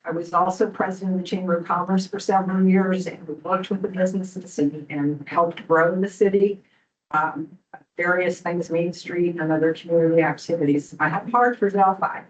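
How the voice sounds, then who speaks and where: A woman's voice: on the low side, fairly even intonation, normal speed. A woman giving a hesitant public comment at a board hearing, full of ums and restarts, in a courtroom-style recording. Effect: courtroom-style hearing room recording. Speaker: local business owner speaking at a public hearing. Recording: dull distant hearing room recording.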